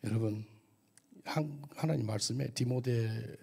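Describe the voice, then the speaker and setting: A man's voice: mid-range voice, unhurried, creaky, dark tone, husky. A missionary pastor giving a testimony sermon at a church service, telling his story vividly and asking the audience questions.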